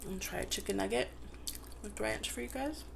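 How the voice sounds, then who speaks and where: A woman's voice: medium pitch, moderate pace, gravelly, noisy background. A woman chatting casually to viewers on an eating show, chewing as she talks and eating between phrases. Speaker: mukbang vlogger.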